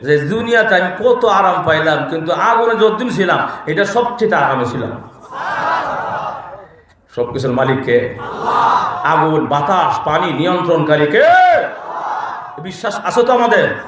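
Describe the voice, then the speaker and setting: A male preacher with a somewhat high-pitched voice delivers a lively waz sermon. He jumps between storytelling, shouted appeals and sung lines. The sound rings with a big loudspeaker echo. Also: normal speed, pauses often, background noise. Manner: animated storytelling, sudden shouts and sung phrases, calls for crowd response. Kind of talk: Bangla waz sermon with chanted recitation. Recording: very echoey loudspeaker hall.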